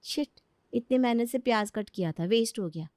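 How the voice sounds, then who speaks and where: A woman voicing a lazy, carefree young bride who talks in a drowsy, drawn-out voice. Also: on the high side, darkish tone, no echo, clean studio sound, pitched above the performer's own voice, lightly acted. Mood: breezy, carefree.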